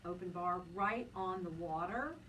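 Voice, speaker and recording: A woman hosting a radio interview, chatty and enthusiastic, chiming in with quick reactions. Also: fairly low pitch, sharp tone, distant mic, low-quality recording. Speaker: radio host. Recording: voice a little off-mic with light noise.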